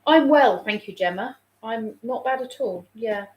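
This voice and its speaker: A woman with a voice on the high side speaks at a measured pace, and the audio sounds dull. She's an English childminder chatting on a live stream from home, reading out comments from viewers. She's slightly snuffly from an oncoming sore throat, and her phone catches the room's echo.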